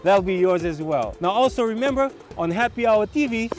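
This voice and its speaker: A man's voice: high-pitched, lively intonation, a little fast, soft background music. A middle-aged man from Fiji hosting a TV show, with a cheerful, welcoming delivery on a sunny beach. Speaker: host. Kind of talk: upbeat TV show presenting.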